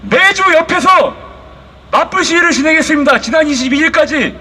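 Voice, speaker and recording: A man's voice: very high voice, animated, fairly quick, sharp tone. A man giving an emphatic, aggrieved protest speech as an activist, delivered in short declamatory phrases. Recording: faint outdoor street noise.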